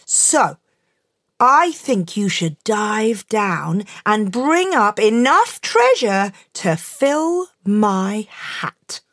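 Woman voicing a clever young man, storybook figure, calm, matter-of-fact, dry recording. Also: medium pitch, drawn-out words, no echo, exaggerated voice. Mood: crafty. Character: clever, crafty young man named Peter.

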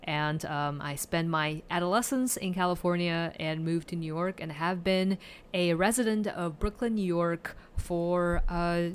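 Speaking a little slowly in a smooth, lowish voice, this Taiwanese podcast guest is reflective and thoughtful. The casual conversation is sprinkled with fillers and restarts.

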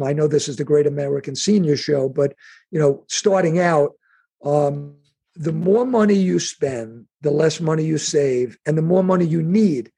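Gravelly, husky New York businessman. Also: on the high side, dark tone. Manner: halting restarts, conversational, acts out imagined speakers. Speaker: insurance and wealth planning executive, guest. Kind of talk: interview answers.

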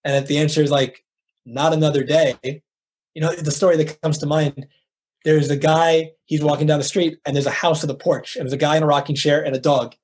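A middle-aged man appears as a life coach guest in a motivational, conversational interview, speaking fast in a highish, flat, a little mellow and slightly rough voice. He's earnest and emphatic, acting out little dialogues to make his points.

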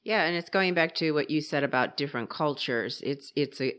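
A woman hosting a radio interview, chatty and quick to laugh. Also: low voice, a bit bright. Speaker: radio host.

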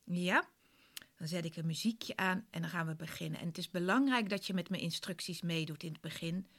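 A woman's voice: on the low side, brisk, a bit bright. A woman instructor casually explaining a relaxation exercise, speaking directly to the listener. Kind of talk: casual spoken introduction to an exercise.

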